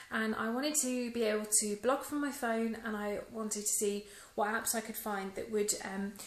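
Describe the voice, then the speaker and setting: In a relaxed vlog reviewing a phone, a woman speaks into the handset held out at arm's length, chatting away with lots of ums and a note of mild disappointment. The audio is poor, reverberant, with slight background noise, and her pitch leans high.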